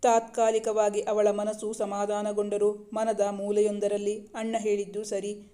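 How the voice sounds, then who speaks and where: A woman narrating a romance novel as a steady, scripted audiobook reading. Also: medium pitch, a little slow. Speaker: storyteller.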